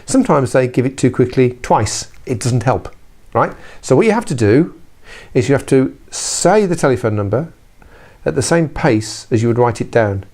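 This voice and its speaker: A middle-aged British trainer chats to camera for his informal video blog, correcting himself and adding wry remarks. His medium-pitched, darkish voice has lively intonation and moves at a normal speed.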